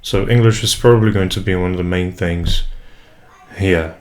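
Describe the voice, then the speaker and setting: A young Brazilian man whose first language is Portuguese introduces his first vlog as an English tutor, speaking in a very low, steady voice. He's halting and reflective, with many fillers and restarts, recorded on an unprocessed USB desk mic at home.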